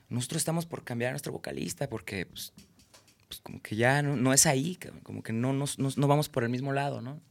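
A man's voice: mid-range voice, vocal fry. A man with a Mexican accent, a singer-songwriter guest telling rambling, slangy anecdotes and acting out his friends' lines. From Tabasco, Mexico. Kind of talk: casual storytelling interview.

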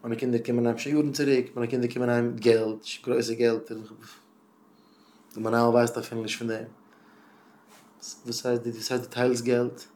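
A man giving an encouraging talk to teachers as a rabbi. He moves between quiet, low asides and loud, impassioned stretches. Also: level tone, a little slow. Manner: swings from low murmurs to loud impassioned bursts. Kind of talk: Yiddish chizuk talk.

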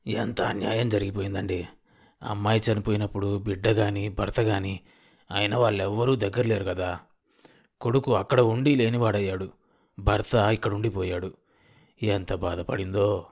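A man voicing a nosy, suspicious old village man in his sixties or older, speaking in a drawling, rural way, lower and slower than his narration. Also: fairly even intonation, gravelly. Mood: grieving. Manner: drawling rural speech, grieving and prying.

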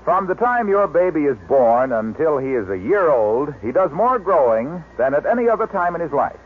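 Male American radio announcer, chipper 1950s commercial style, higher-pitched, swooping intonation, narrow old broadcast sound. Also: very animated, moderate pace, breathy edge. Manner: polished, emphatic sales delivery. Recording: vintage radio broadcast, narrow phone-like band.

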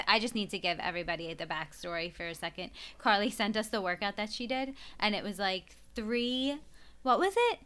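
Young woman podcast co-host, chatty and laughing easily, with a bright, forceful voice. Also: medium pitch. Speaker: podcast co-host, nutrition coach. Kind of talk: casual chat.

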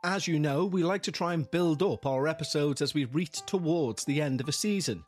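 Man, ominous late-night radio storytelling, slightly high voice, scripted podcast narration, faint music behind. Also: moderate pace. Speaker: podcast host.

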